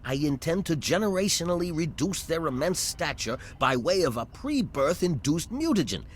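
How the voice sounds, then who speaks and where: An actor playing a pompous, excitable mad scientist in a video game, erudite and pleased with himself. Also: male voice, a little high, normal speed, slight background noise. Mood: gleeful, self-satisfied. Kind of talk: video game character acting.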